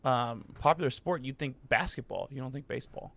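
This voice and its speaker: Gravelly, laid-back male co-host. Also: medium pitch, a little fast. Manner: laid-back, slangy, trails off quietly. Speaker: podcast co-host. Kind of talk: casual sports chat.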